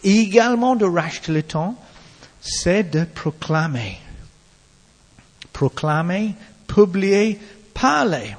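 A man with an English accent preaching a sermon in halting French, restarting his words often. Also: high voice, very animated, long reverb tail.

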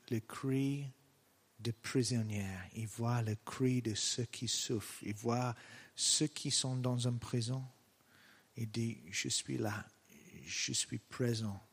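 Slow, husky-voiced male preacher. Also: medium pitch. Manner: slow and halting, searching for words. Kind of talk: sermon.

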